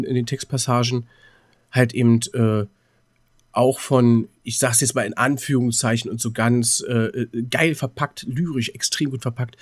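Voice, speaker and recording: Recorded at studio quality without echo, a man with a mid-range voice co-hosts a podcast. He talks casually in wandering anecdotes, often faltering while searching for words.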